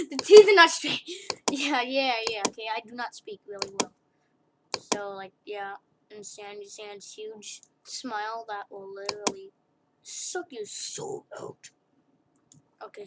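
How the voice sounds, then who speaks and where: A young woman casually talking through a screen-recorded drawing tutorial, rambling, correcting herself and giggling at her own asides. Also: fairly high pitch. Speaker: tutorial maker. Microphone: computer mic during screen recording. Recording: loud hiss with keyboard and mouse clicks.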